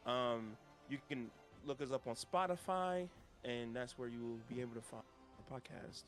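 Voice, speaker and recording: A man's voice: medium pitch, lively intonation, moderate pace, faint music behind. Hesitant self-deprecating man. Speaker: player and podcaster. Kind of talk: casual self-promotion.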